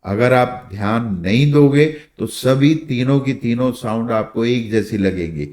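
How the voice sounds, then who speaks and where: A man teaching English vowel sounds in a slow, patient way, drawing out each example word. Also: mid-range voice, a little mellow. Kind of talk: spoken lesson.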